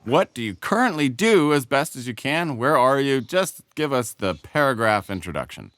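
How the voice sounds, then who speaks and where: Male podcast host, thirties, joking and animated, smooth clear voice, dry close sound. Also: mid-range voice, normal speed, no echo. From United States. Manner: jokey, playful, animated. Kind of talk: casual interview chat.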